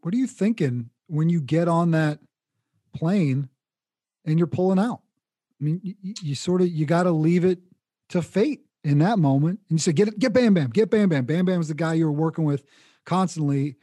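A man's voice: fairly high pitch, normal speed, dark tone, no echo, studio quality. A man hosting a podcast, recapping his guest's story and asking follow-up questions. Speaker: podcast host. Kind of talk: interview conversation.

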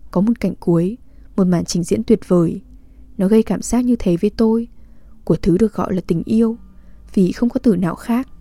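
A woman reading a literary diary aloud in a calm, measured, intimate way. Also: medium pitch, no room sound. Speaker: reader.

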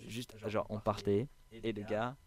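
A man co-hosting a podcast in casual chat, animated, slipping English slang into his French and laughing often. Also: fairly low pitch, measured pace. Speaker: podcast co-host. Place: studio.

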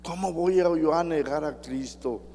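A man voicing a calm old martyr. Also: a little high, normal speed, big-room sound, slight background noise, pitched above the performer's own voice, natural voice. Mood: serene. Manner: soft, partly whispered.

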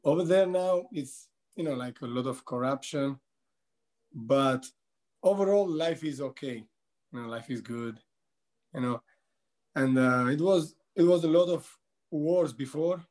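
Albanian-accented man giving short, halting answers. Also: a little high, darkish tone. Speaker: podcast guest. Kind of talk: casual interview chat.

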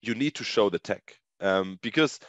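A man's voice: on the low side, animated, normal speed, a bit bright. A man, a startup co-founder, answering interview questions conversationally in an explanatory way, often checking in with "right?". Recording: muffled lo-fi audio, echoey room.

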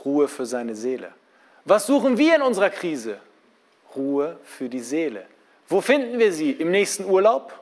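A man preaching a sermon in a lively, conversational way, asking his listeners questions. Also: a little high, normal speed.

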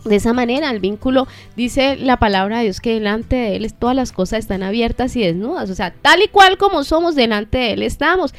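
Earnest woman teaching faith, soft music behind. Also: fairly high pitch. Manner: measured, earnest, many rhetorical questions and restarts. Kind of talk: reflective faith teaching in conversation.

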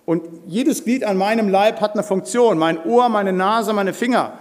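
An older man preaching a sermon in a church hall, blunt and forceful in his delivery. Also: sits high, normal speed.

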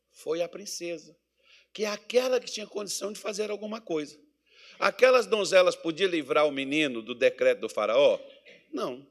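A man with a Brazilian Portuguese accent from Mato Grosso, preaching a sermon in a church meeting hall and asking the congregation questions. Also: on the high side. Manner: animated preaching with call-and-response questions to the congregation.

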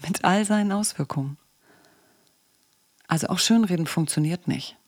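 Low-voiced woman hosting a podcast. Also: normal speed, dry recording, studio quality. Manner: conversational, asks the listener questions. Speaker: psychologist and coach, podcast host. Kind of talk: casual podcast monologue.

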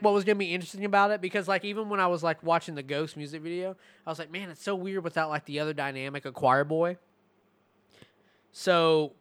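Guy rambling thru an album review, cussing a lot, bright crisp voice, kinda hoarse, dry close sound. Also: a little high, dry recording. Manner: profane, rambling, raps lyrics in bursts. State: losing his voice. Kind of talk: casual album review, rapping along.

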